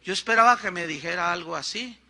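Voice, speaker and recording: An older Mexican pastor preaches with a high, very bright voice. He tells stories conversationally, slipping into the voices of the people he quotes and tossing in asides to the congregation. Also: fast, creaky. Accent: Mexican Spanish. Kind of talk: sermon with storytelling.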